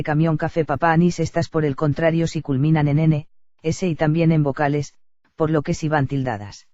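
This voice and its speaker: Man, steady lesson reading, slightly high voice, muffled lo-fi recording. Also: dry recording. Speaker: teacher. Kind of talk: reading a grammar lesson aloud. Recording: dull lo-fi dry recording.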